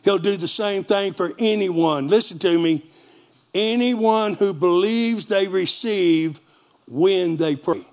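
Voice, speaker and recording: Man, Texan accent, preacher, high-pitched, lively sermon, calls for amens. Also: slow. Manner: animated preaching with call-and-response. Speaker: pastor. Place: church.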